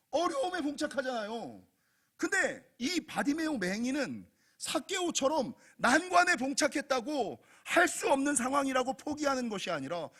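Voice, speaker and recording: A male pastor preaching a sermon, animated, acting out biblical figures and putting questions to the congregation. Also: very high voice. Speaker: senior pastor.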